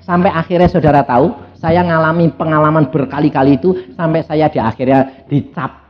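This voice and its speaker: A man's voice: on the high side, fairly even intonation, fairly quick, muffled recording. A man preaching a sermon in a Javanese accent, telling stories with humor and often addressing the congregation directly. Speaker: evangelist preacher.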